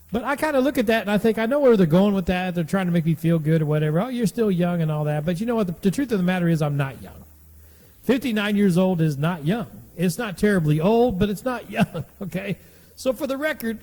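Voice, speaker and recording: A podcast host in his late fifties rambles through a casual monologue in a loose, folksy way, circling back and repeating phrases. His slightly high voice for a man is a little mellow, and the recording rings with a long reverb.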